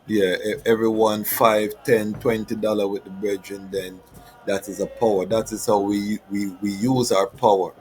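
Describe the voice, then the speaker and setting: A man's voice: lowish voice, little pitch movement, moderate pace, darkish tone, soft background music. A man with a Jamaican accent speaking as a host in Rasta speech, making an informal appeal to his audience with patois phrases and proverbs. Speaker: host of a Rastafari reasoning platform.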